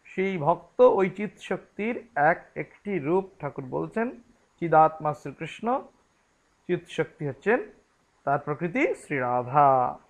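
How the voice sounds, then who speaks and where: Slow, high-voiced Bengali man teaching scripture. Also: big pitch swings. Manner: slow, deliberate, chants Sanskrit verses then explains them. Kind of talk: scripture lecture.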